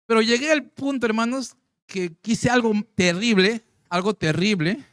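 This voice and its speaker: A man's voice: high-pitched, moderate pace, fairly bright tone, no room sound, studio quality. A man preaching to his congregation, telling his own story and acting out the voices of the people in it. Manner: storytelling, acts out quoted voices. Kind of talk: sermon testimony.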